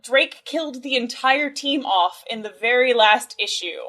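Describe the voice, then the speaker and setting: A woman co-hosting a podcast in a casual comics discussion, relaxed, with fillers and small laughs. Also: on the high side, a little slow. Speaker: podcast co-host.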